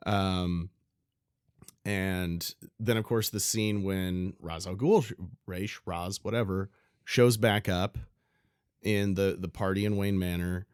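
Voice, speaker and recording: A man's voice: deep voice, fairly even intonation, takes it slowly, clean tone, no echo, clean studio sound. A man co-hosting a podcast, chatting casually about a film in a rambling way, full of "you know" and restarts. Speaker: podcast co-host. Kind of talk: casual movie chat.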